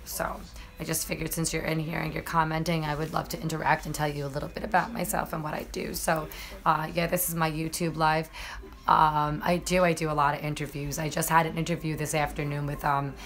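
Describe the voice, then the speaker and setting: An MMA journalist hosts a relaxed live stream from her computer, offering casual commentary. Her voice is low and slightly hoarse, and she talks briskly and directly to her viewers in a loose, chatty way, with plenty of fillers and restarts.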